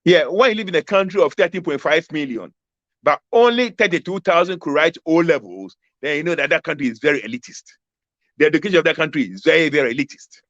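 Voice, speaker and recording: A fast-talking man in his fifties with a Ghanaian accent, he is a political candidate answering questions in an interview. His fairly high voice is expressive and a bit bright, and he stresses and repeats his key phrases. The video call audio is dull and dry with no room sound, and it keeps freezing and cutting out.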